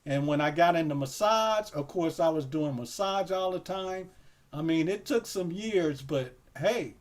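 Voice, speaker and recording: A man hosts a casual interview, his voice sitting somewhat high for a man. He rambles easily, leans on fillers, and speaks straight to his audience. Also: a little slow. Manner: relaxed, rambling, many fillers like "you know"; addresses viewers directly. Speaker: host.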